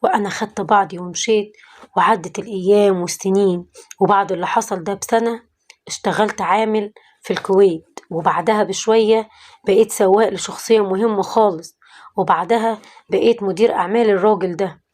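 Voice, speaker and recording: A woman's voice: mid-range voice, fairly even intonation, brisk, a little mellow, close to an everyday voice. A woman voicing a repentant middle-aged former thief who confesses in an Egyptian accent, in a pleading tone. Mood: remorseful. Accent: Egyptian Arabic.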